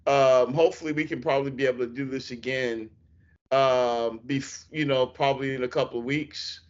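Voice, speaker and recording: A man hosting a casual podcast chat, rambling and halting with many fillers. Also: medium pitch, steady tone, highs cut off. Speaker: podcast host.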